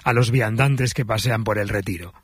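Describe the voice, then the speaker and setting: Husky, dry-voiced male radio host. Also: on the low side, moderate pace, no echo. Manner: friendly, curious, laughs easily. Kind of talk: radio interview and chat.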